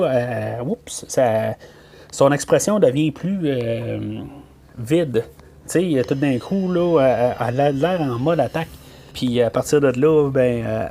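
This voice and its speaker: A man with a Québécois French accent talks through a horror film in a relaxed podcast chat. His voice sits at an ordinary middle pitch. He stumbles and restarts often, padding with fillers, over faint music. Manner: hesitant, many fillers and restarts. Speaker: podcast host. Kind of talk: casual film review.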